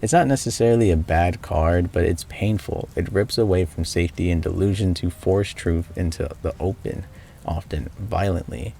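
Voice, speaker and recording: Deep voiced guy narrating a scripted game explainer, measured, soft dark tone. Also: creaky, a little hiss or hum. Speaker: video narrator.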